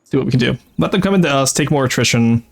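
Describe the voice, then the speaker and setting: A man's voice: mid-range voice, animated, fast talker, gravelly. A man streaming a strategy game with casual live commentary, thinking aloud and talking to his chat. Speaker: streamer, VTuber.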